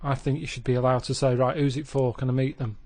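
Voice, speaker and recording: A man's voice: medium pitch, flat delivery, fast talker, a little mellow. A man co-hosting a radio show, questioning and doubting things in casual chat. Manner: skeptical, questioning. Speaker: radio co-host.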